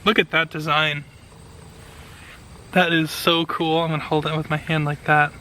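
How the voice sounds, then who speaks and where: A man speaks in a bright, slightly raised voice. He narrates what his hands are doing in a casual, enthusiastic vlog style. There is light noise in the background. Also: on the high side, little pitch movement, normal speed, poor audio. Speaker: vlogger, home gardener.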